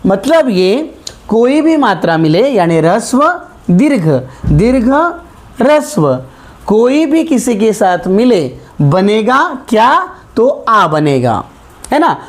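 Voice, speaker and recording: A woman gives a classroom grammar lesson at an unhurried pace. Her pitch rises and falls widely as she stretches out sounds and keeps checking that her students follow. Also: sing-song, darkish tone. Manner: slow, drawn-out vowels, frequent check-ins. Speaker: Hindi grammar teacher.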